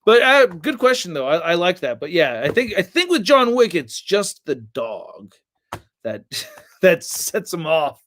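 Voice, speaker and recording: A man's voice: high-pitched, sing-song, measured pace, a bit bright, slight background noise. A man in his late thirties hosting a casual toy livestream, tired and yawning, rambling with crude jokes and lots of fillers. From United States. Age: late 30s. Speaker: toy reviewer and livestream host.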